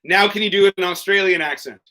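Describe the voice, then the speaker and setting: A man's voice: high voice, quick pace, sharp tone, poor audio. A man hosting an online quiz over a video call, reading questions and tossing in joking, profane asides. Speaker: quiz host.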